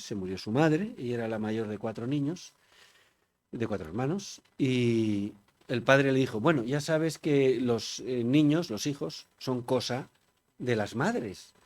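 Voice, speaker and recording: A man's voice: mid-range voice, darkish tone. Older Spanish man, chatty and digressive. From Spain. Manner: chatty and digressive, asking the audience rhetorical questions. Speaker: conference speaker. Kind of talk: informal public talk.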